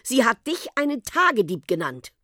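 A woman voicing an excitable young girl in a storybook reading, high and eager. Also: moderate pace, dry recording, clean studio sound, heavily acted. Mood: indignant.

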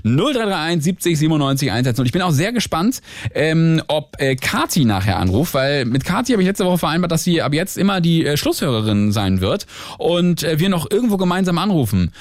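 A chatty, playful man hosts a late-evening call-in radio show, his voice lively and jumping around in pitch. He sits close to a studio mic, and the sound is dry with no room echo. He teases his callers in a relaxed, joking way. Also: brisk. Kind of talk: casual call-in radio chat.

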